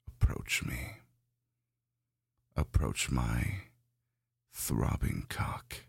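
A man doing a deep gravelly dragon. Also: no room sound, studio quality, exaggerated voice. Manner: commanding, slow and gloating. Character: domineering, lustful male dragon. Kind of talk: adult audio roleplay.

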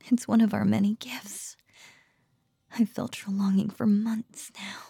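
A woman voicing an ancient, possessive nine-tailed fox goddess in a whispered ASMR roleplay, speaking in a slow, teasing, breathy murmur. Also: mid-range voice, mellow, no room sound, clean studio sound, exaggerated voice.

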